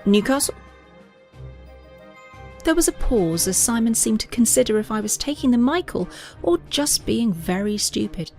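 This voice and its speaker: A woman's voice: a little high, very animated, normal speed, hardly any pauses, a little mellow, soft background music. A woman reading an audiobook, narrating and voicing several characters with small shifts.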